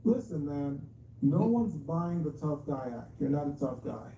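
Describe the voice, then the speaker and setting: A sarcastic, smug commentator picks apart clips in a mocking exposé style, with taunting rhetorical questions. The voice is very dark and soft-edged, and the recording is dull and roomy. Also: mid-range voice, animated, measured pace, a little hiss or hum. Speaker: online commentary show host. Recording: echoey, dull, distant mic.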